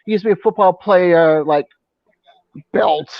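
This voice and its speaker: A man telling a story on a casual live chat, animated and laughing often. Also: high voice, unhurried, no echo. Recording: dry, dull lo-fi sound.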